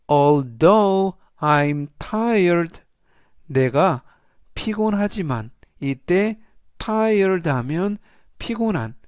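Male tutor, slightly high voice, models words loudly in a measured lesson. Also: no room sound, studio quality. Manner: spells out stress and meaning, models English words loudly. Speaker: English vocabulary teacher. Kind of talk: slow scripted vocabulary lesson.

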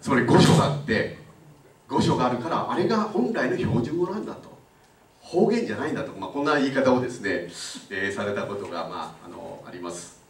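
An older man giving a public lecture in a conversational way, pausing often with filler sounds. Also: medium pitch, very animated, a little hiss or hum. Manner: conversational, frequent filler pauses. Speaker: guest lecturer. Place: lecture room. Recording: roomy, mic at a distance.

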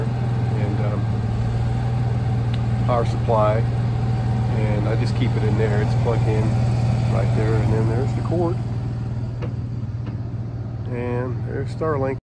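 A man casually walking through his campsite as he films, talking in a relaxed, rambling way with many fillers. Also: medium pitch. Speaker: vlogger. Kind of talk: casual walkthrough narration. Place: outdoor mountain campsite. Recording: outdoor camera audio with clear background noise.

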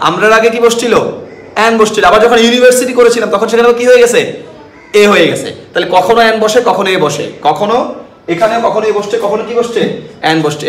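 High-voiced Bangladeshi teacher, echoey room. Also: male voice, fairly bright tone. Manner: explains step by step with frequent questions to students. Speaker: school English teacher. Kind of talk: online grammar lesson. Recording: echoey room with faint hiss.

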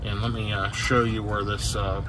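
A middle-aged man casually narrating his drive from inside a moving car, unhurried and halting, with frequent filler sounds. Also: on the low side, flat delivery, over music, poor audio. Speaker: EV road-trip vlogger. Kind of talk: casual narration while driving. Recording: loud car road noise. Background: loud road and engine noise.

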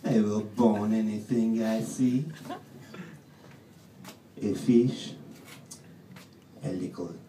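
A comedian voicing a swaggering, menacing boning knife, slow and loud. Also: male voice, on the low side. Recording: roomy live club, distant mic, noisy.

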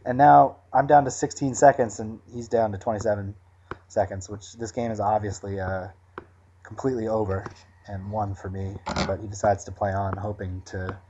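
Low, mellow man analyzing chess. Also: normal speed, lo-fi sound, a little hiss or hum. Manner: relaxed, thinking aloud with fillers. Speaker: chess commentator. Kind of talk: post-game chess analysis.

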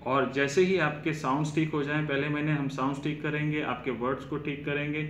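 A man's voice: fairly high pitch, steady tone, a little fast, fairly bright tone, a little hiss or hum. A man, explaining his English pronunciation course to students and repeating words to show how they sound. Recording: echoey room with faint ambience.

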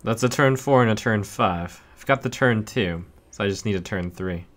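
A young man giving deadpan live gameplay commentary into a close streaming mic. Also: lowish voice, normal speed. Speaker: game streamer. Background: game music.

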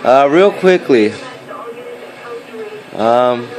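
A teenage gaming video maker, fourteen, talks through his gameplay in a casual, hesitant, rambling way, holding a phone to film a game on a screen indoors as game music plays behind him. His mid-range male voice is animated and darkish, with drawn-out words. The audio is poor.

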